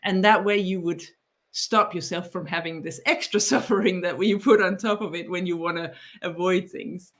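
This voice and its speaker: Her voice fairly low and steady, at normal speed, a Danish woman in her forties speaks as a guest author on a podcast. Thoughtful as she explains her ideas in a Danish accent, she keeps restarting and repeating words.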